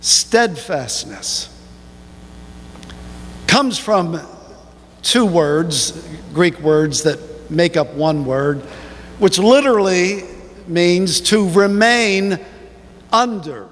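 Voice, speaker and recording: A man preaching a sermon as pastor, slow and emphatic, with sudden rises in pitch. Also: lively intonation, a bit bright, in a large hall. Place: church sanctuary.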